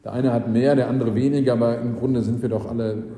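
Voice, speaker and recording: Casting: male preacher, very dark, mellow tone, explanatory sermon delivery, echoing hall with long reverb. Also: mid-range voice, fairly even intonation, fast. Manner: explaining, with frequent rhetorical "nicht?".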